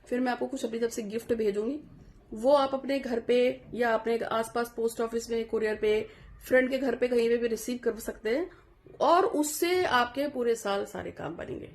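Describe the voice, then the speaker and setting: High-voiced woman chanting home remedies. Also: moderate pace. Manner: repeats each wish three times in a chanting cadence; homely and direct, mixing in English words. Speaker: astrologer giving home remedies. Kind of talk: devotional how-to talk to viewers.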